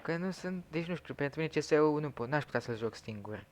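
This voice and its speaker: A man chatting casually while livestreaming a shooter game, swearing loosely and shouting quick callouts. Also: fairly high pitch, expressive, slight background noise. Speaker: livestreaming gamer. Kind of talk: casual chat while gaming.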